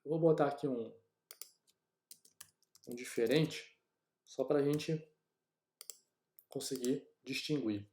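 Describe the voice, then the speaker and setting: Man teaching code, casual step-by-step talk, middle pitch, roomy echo. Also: slow, pauses often, dark tone. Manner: casual, talks through each step aloud to the class. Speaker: programming teacher. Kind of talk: screen-recorded coding lesson. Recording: echoey room.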